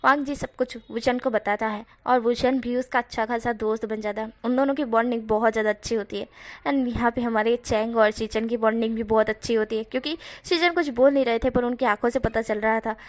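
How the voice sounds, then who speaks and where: Brief: high-voiced woman, casual fan-story narrator, chatty. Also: fairly even intonation, fairly quick. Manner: chatty, with slips and self-corrections.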